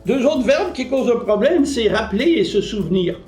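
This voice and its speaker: A man's voice: very high-pitched, animated, a little fast, darkish tone, echoey room, soft background music. A man giving a short lesson on correct word usage, explaining with examples and answering his own questions. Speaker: French language columnist.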